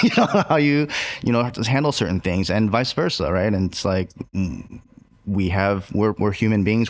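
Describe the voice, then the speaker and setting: A chef and restaurant co-owner talking in a casual podcast conversation, reflective and halting with many fillers and restarts. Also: male voice, sits low, creaky, no echo.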